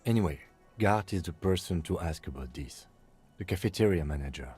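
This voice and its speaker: An actor playing a composed police lieutenant who speaks in a measured, formal way. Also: male voice, low voice, lively intonation, darkish tone, faint music behind.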